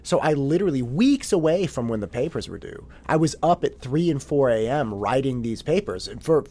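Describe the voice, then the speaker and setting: A man hosts a podcast interview in an easy, conversational way. He chats casually and drops quick asides while he tells his own story. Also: medium pitch, very animated, warm tone. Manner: chatty, reacts with quick asides. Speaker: podcast host.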